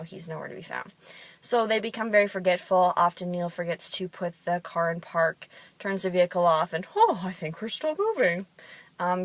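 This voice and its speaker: A woman's voice: on the low side, no room sound. A woman who works in fitness and competes in bodybuilding, telling chatty stories with frequent ums. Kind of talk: casual storytelling monologue.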